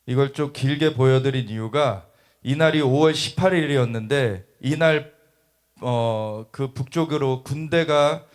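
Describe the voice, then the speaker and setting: A man's voice: mid-range voice, clear, resonant tone. A man preaching in church, explaining a video clip in an emphatic manner. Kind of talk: sermon commentary on a video.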